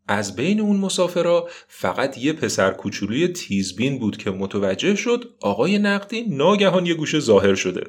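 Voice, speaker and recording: A man narrating a children's story expressively, with asides to the listeners. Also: medium pitch.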